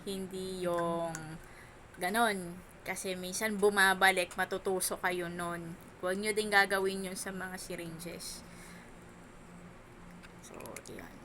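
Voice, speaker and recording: A woman speaks through missing front teeth in a slightly low voice. She takes her time, explaining a procedure informally in short, halting, repeated phrases. Clear background noise surrounds her. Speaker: medical technology instructor. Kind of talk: informal hands-on demonstration lesson. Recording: noisy room, noise from outside. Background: background noise, child outside.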